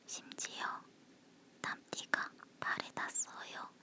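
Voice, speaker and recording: Slow whispering woman, leaning in close. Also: sharp tone. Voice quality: breathy, unvoiced whisper. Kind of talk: whispered ASMR casual chat. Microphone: phone, close up. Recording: home phone recording.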